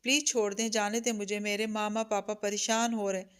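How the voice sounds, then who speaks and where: A woman's voice: medium pitch, flat delivery, smooth, lightly acted. Woman voicing scared kidnapped young woman, tearful, trembling, pleading, audiobook character reading.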